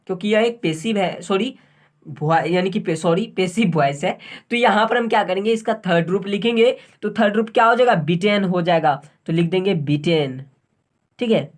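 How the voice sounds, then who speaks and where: A male teacher works through a grammar tutorial at an unhurried, patient pace. He asks a question, pauses, and answers it himself. He repeats each phrase and spells words out letter by letter as if writing them on a board. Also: high voice. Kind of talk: online tutorial lesson.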